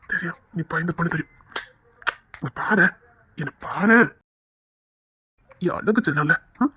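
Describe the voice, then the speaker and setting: A man playing a calm, loving elder brother. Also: fairly high pitch, measured pace, breathy edge, dry recording, muffled recording, exaggerated voice. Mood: soothing. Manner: soothing, affectionate, firm. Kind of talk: audio drama acting.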